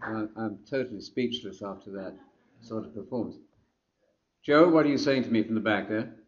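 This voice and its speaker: A man's voice: on the low side, normal speed, dull audio. A man giving informal remarks at a church gathering, chuckling and joking at his own expense. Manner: chuckling, self-deprecating humor, stammers on restarts.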